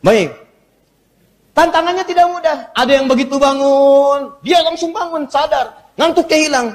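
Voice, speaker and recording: A male preacher gives an Islamic sermon in an animated, humorous, teasing way. He is in a mosque hall. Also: extremely high pitch, moderate pace. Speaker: preacher, ustaz. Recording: long hall reverb.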